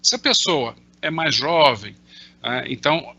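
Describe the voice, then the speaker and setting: In his sixties and speaking with a Brazilian Portuguese accent, this invited market analyst answers questions in a virtual Q&A, walking through worked examples with plenty of hesitant fillers. His mid-range voice is expressive, unhurried, creaky, pushed and bright, a bit rough, and the video-call audio has its highs cut off.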